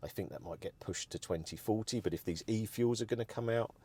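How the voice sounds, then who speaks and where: Deep-voiced man, casual vlog chat, rambling, frank, lots of ums. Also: brisk, warm tone, slightly rough, dry recording. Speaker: vlogger. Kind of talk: casual opinion chat to camera.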